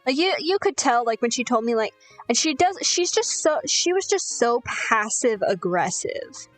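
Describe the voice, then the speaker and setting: A woman's voice: on the high side, sing-song, moderate pace, soft background music. A young woman telling a rambling, sweary, self-deprecating story while gaming. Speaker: gaming streamer.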